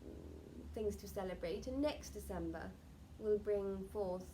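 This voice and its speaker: A woman's voice: mid-range voice, a little slow, warm tone. A woman speaking as a seance medium in trance, delivering solemn, oracular channelled messages to a group in formal phrasing. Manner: seance medium speaking as a channelled spirit, addressing sitters as "dear one" and "we". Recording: noisy live group recording.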